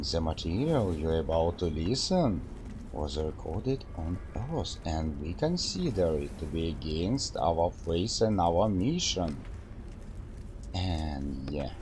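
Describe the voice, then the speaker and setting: Man, game walkthrough host, casual commentary, slow pace, animated pitch. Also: background noise. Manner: unhurried, reads game text aloud between remarks.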